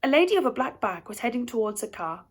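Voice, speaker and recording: A woman narrating a children's tale with playful expression. Her voice sits high. Her pitch is very animated, rising and falling through each sentence. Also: fast talker. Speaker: storyteller.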